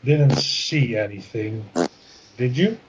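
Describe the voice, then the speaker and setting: A man's voice: mid-range voice, lively intonation, slow pace. A man playing in a tabletop game, chatting and teasing the others in a dry way. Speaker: player. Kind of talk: casual tabletop game chat. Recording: dull lo-fi mic with faint hiss.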